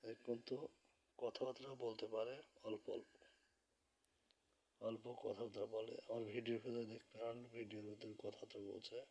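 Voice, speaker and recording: Guy talking low and husky at night in bed, pretty flat delivery, filming on his phone. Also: normal speed, long pauses. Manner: speaks softly to keep from waking neighbors. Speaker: pet bird vlogger. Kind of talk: quiet night-time vlog narration. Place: indoors at home, in bed.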